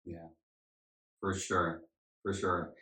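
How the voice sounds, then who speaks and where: A low-voiced man from Puerto Rico, raised in Florida, co-hosts a casual podcast as a family therapist, recorded in an echoey room. He speaks extremely slowly with a sharp tone and little pitch movement, explaining ideas and often checking in with "right?"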